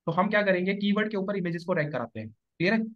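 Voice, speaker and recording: A man's voice: high voice, expressive, fast talker. A man, teaching a live class and checking often that students follow. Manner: explanatory, checks understanding often. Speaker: SEO trainer. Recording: dull lo-fi classroom recording.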